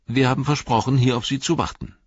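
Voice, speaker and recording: A man voicing a brisk, confident young male hobbit who talks boldly and cheekily. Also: medium pitch, steady tone, no room sound, lo-fi sound, pitched above the performer's own voice, natural voice. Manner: bold, cheeky.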